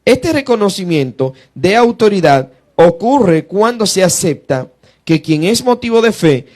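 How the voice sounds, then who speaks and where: A man preaching a teaching sermon, moving from slow, careful explanation to quick, rising bursts of emphasis. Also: sits high, big pitch swings, darkish tone.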